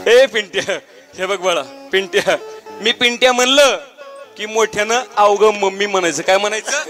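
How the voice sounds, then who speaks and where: Over tabla and folk music, a man performs a comic folk piece as a boastful village mother doting on her oversized grown baby, cooing, coaxing and calling out in sing-song. The mood is fond and teasing. His voice sits high, with a fairly bright tone and normal speed.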